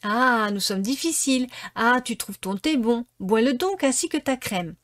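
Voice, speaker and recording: A woman's voice: fairly high pitch, animated, a little slow, a bit bright, no echo, studio quality, voice pushed up. A woman doing a bossy, indignant young boy. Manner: indignant, bullying.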